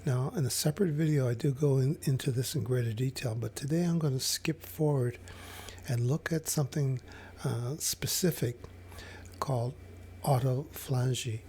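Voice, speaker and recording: A man explaining fasting over slides in a casual, hesitant way, with many fillers and restarts. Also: mid-range voice, warm tone, slight background noise. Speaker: health educator.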